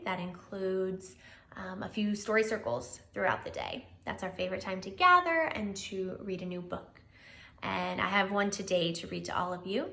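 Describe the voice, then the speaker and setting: This time the teacher's voice is mid-range and gravelly, but she still reads to the children with animated, expressive energy. Story time takes place in an echoey, spacious room.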